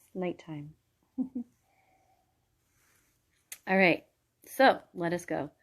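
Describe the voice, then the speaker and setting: Female meditation guide, low, even voice, soft slow hypnotic delivery. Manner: chatty with fillers before the induction.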